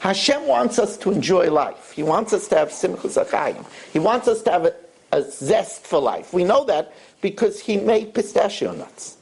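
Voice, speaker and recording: An older man, a rabbi, delivers a sermon full of stories and acted-out voices. His voice is gravelly with a husky edge, and his pitch leaps up and down expressively. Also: normal speed. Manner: animated storyteller who acts out voices.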